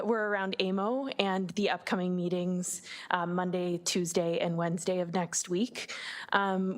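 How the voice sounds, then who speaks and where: Out of breath woman staffer answering council, polite, kinda formal, ums here and there. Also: lowish voice. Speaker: government relations staff member.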